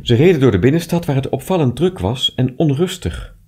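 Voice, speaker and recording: Husky-voiced man reading stories aloud. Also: mid-range voice. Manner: expressive, measured narration. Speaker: reader.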